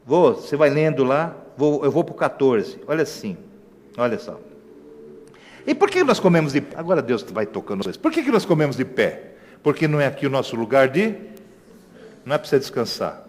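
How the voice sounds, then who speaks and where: Animated Brazilian pastor in echoey church. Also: male voice, medium pitch, fairly quick. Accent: Brazilian Portuguese. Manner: emphatic preaching with rhetorical questions and asides to the congregation. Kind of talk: sermon. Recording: echoey church hall reverb.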